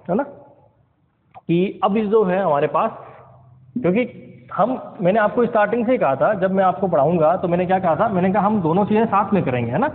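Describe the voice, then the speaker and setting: Guy teaching physics, highish voice, keeps asking the class if they got it, tinny echoey audio. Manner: keeps asking the class questions, checks understanding; mixes English science terms into Hindi. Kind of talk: classroom lecture at a board. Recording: tinny lo-fi sound with long reverb.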